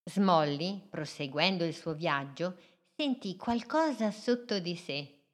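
A woman reads a children's storybook aloud. Her voice sits low, she reads very slowly, and she gives the words a gentle, expressive lilt.

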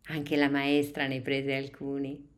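Woman storyteller, low voice, very slow and calm children's story narration. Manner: slow, calm, measured reading.

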